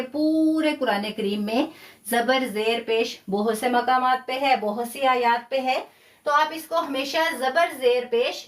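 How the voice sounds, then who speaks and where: Speaking in a high register, a woman runs a live online Quran recitation class. She takes her time spelling out each sound with patience and encourages her students with praise.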